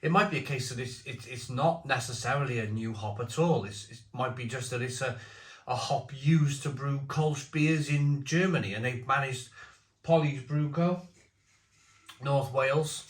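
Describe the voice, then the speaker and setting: A British man with a chesty cough gives a casual, halting review, often repeating phrases as he muses. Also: mid-range voice. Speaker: beer reviewer. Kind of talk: casual spoken review to camera. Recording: echoey room.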